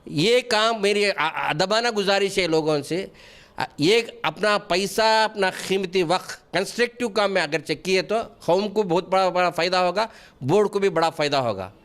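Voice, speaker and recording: Brief: middle-aged man, high voice, earnest and defensive, restarts his lines. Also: moderate pace, fairly bright tone. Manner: earnest, repeats himself, restarts often; defensive and pleading. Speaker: wakf board member being interviewed. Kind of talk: news interview answers.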